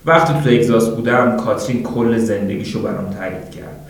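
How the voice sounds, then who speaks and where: A man reading a novel aloud as an audiobook narrator in a steady, plain manner, recorded in a roomy space. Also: fairly low pitch, gravelly. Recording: roomy, distant mic.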